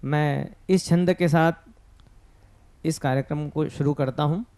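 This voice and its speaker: A man's voice: on the high side, fairly even intonation, a little slow, darkish tone. A man, a poet and history lecturer, recites metered Hindi verse in a melodic chant and repeats closing lines for emphasis at a poetry gathering.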